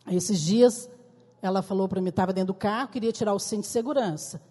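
An older woman preaching a sermon with a husky, firm voice and emphatic, drawn-out phrases. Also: medium pitch, mellow. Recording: reverberant hall.

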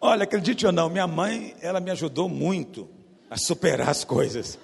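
A preacher from Goiás, Brazil, with a Goiás accent, giving a sermon and swinging from loud emphatic bursts to low hushed asides. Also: male voice, a little fast, vocal fry, husky. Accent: Goiás Brazilian Portuguese. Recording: long hall reverb.

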